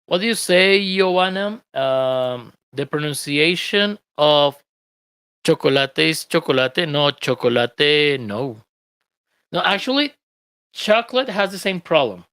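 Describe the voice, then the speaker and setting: A man's voice: high voice, sing-song, takes it slowly, a bit bright, clean tone, no echo. A man with a Colombian accent teaching an online English reading class, explaining pronunciation patiently with joking asides.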